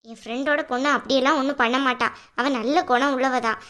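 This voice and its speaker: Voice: sits high, steady tone, fast talker, sharp tone. A performer voicing a middle-aged cartoon mother who bosses everyone around at her son's engagement. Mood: worried. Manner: scolding, bossy. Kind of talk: cartoon voice acting.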